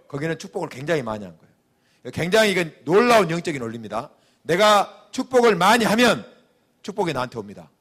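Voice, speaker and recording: A man preaching a sermon as a pastor, animated, acting out little quoted voices as he goes. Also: fairly high pitch.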